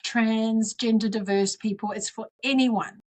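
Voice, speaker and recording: A woman's voice: a little high, steady tone, measured pace. A woman politician as an interview guest, speaking earnestly and from the heart. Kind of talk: interview conversation.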